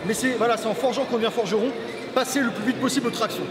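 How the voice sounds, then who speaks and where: A man's voice: very high-pitched, fairly even intonation, racing, over a noisy crowd. Young man explaining lifts in a gym. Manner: clear, explanatory, addresses viewers as friends. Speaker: guest bodybuilder. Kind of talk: explaining training technique. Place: large busy indoor gym. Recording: echoey gym with loud background noise.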